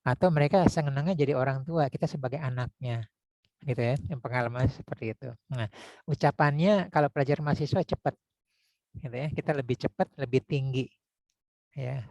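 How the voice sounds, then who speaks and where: A man's voice: a little fast, darkish tone, no room sound. Chatty male public speaking trainer. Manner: conversational, frequent "ya" and "gitu ya" tags; demonstrates deep and high vocal tones. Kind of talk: casual lecture.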